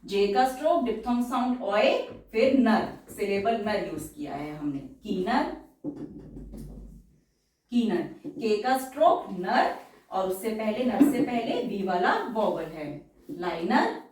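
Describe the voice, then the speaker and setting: Slow, echoey woman teaching. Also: medium pitch, expressive, darkish tone. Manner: slow, repeats each example word several times, drawn out. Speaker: shorthand teacher. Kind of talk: explanatory lesson. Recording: very echoey room, voice far from the mic.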